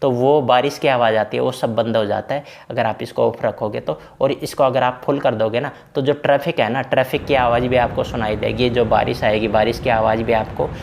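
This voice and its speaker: Speaking a little fast with few pauses, this man has a medium-pitched, steady voice with some vocal fry. He's a game tutorial maker doing a relaxed screen-recorded walkthrough of a truck driving game's settings, explaining each option in a chatty way and repeating "na" and "bhai."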